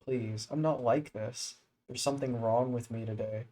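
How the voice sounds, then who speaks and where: A man's voice: medium pitch, steady tone, moderate pace, distant mic, close to an everyday voice. A man reading the lines of a timid, anxious teenage girl who pleads and apologizes. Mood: pleading. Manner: pleading, repetitive, hushed.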